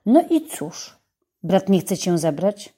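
A woman reading a storybook, voicing a kind bearded old man who gently explains a secret. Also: mid-range voice, big pitch swings, slow, husky, exaggerated voice. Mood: kindly.

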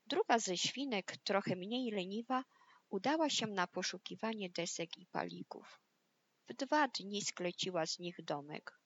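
A woman narrating a children's fairy tale in a calm, measured storytelling voice. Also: medium pitch, muffled recording. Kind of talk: storybook reading.

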